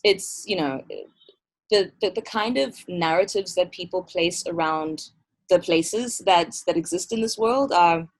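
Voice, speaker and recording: Joining a casual interview by video call, a music festival curator from Malawi answers as a guest with a lowish voice. Her manner is measured and thoughtful.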